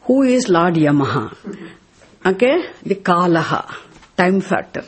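A woman's voice: fairly low pitch, very animated, measured pace, husky. A woman with a Tamil accent teaching scripture verse by verse, repeating key phrases emphatically and checking with tag questions. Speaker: teacher of Sanskrit and Vedanta scripture. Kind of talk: teaching class, verse-by-verse explanation.

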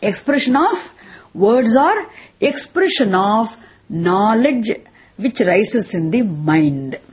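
Husky South Indian woman teaching. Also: medium pitch, big pitch swings, takes it slowly. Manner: didactic, repetitive rhetorical questioning. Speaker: Vedanta teacher. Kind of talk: spoken philosophy lesson.

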